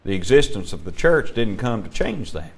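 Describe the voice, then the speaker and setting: A man teaching a Bible class, emphatic and measured, putting questions to his students. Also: lowish voice, very animated, gravelly, slightly rough.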